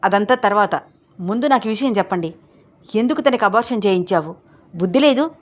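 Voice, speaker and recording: A woman's voice: mid-range voice, fairly even intonation, fairly quick, a little mellow, natural voice. A woman voicing an angry older woman who scolds and interrogates in a read-aloud audio story. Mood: furious.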